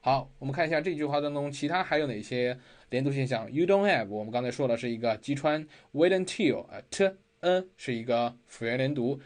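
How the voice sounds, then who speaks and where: A man's voice: mid-range voice, a little fast. A man teaching English pronunciation in a recorded online lesson, explaining patiently and repeating phrases with frequent fillers.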